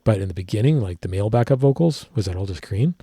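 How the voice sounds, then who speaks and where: A man talks through a song in a husky, fairly low voice, thinking aloud and correcting himself as he goes. He sounds like a working musician giving relaxed technical analysis. The sound is dry and close, with no room around it. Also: fast talker, dry recording. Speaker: musician reacting to a music video.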